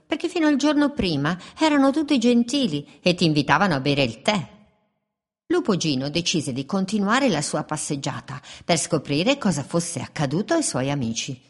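A woman reading a children's story aloud in a playful, expressive way, with repeated refrains. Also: fairly low pitch, normal speed.

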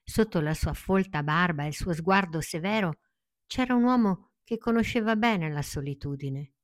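A woman narrating a children's fairy tale in a slow, gentle storytelling manner. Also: lowish voice.

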